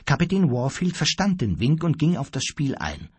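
Husky male audiobook narrator, lively telling. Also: on the high side, normal speed, no room sound. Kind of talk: scripted narration.

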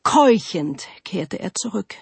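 A woman storyteller reading a storybook in a soft, hushed manner that often drops near a whisper. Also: medium pitch, very animated, slow pace, gravelly, slightly rough, no echo.

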